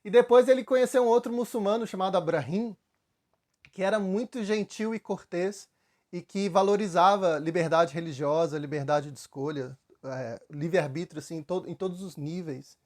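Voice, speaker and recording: A Brazilian Portuguese-accented man with a rather high voice gives a spiritual lesson. He talks in a relaxed, conversational way and leans on everyday filler words. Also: moderate pace. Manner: relaxed storytelling with frequent fillers, acts out quotes. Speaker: spiritual teacher.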